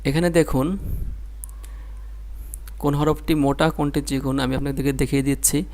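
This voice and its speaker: A man's voice: mid-range voice, steady tone, normal speed, darkish tone. A man with a Bangladeshi Bengali accent teaching Quran reading, drilling syllables one by one and explaining patiently. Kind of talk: slow spelling-out lesson.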